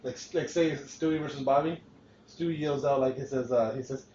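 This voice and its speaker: A man's voice: mid-range voice, a little fast, mellow, slight background noise. Male podcast host, casual and profane, roomy lo-fi sound. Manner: rambling, swears freely, frequent restarts. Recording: roomy, dull lo-fi podcast recording.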